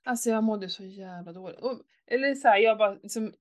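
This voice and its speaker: A middle-aged woman with a fairly high voice, talking candidly in a relaxed chat. She tells her story with feeling and curses freely, and her voice rises sharply when she gets worked up. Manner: emotional, animated storytelling with swearing.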